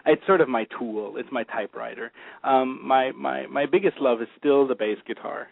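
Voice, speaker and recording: A man's voice: medium pitch, normal speed, creaky, dry recording. Male composer, hesitant and reflective, thin phone-like line, dry sound. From Germany. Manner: thoughtful, hesitant, many restarts. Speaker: film composer. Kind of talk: radio interview. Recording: tinny phone-like radio audio.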